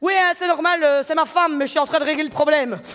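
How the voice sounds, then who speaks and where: A woman's voice: sits high, steady tone, quick pace, fairly bright tone, pitched above the performer's own voice. A woman voicing a fussy, bossy middle-aged father who orders his wife about in a curt, commanding tone.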